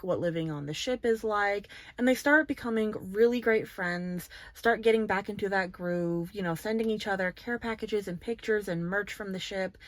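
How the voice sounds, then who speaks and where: A woman talks through a book in a relaxed review, chatty and animated with many "like" fillers. Her voice sits in a middle pitch, and the recording is dry, with no room sound. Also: no echo.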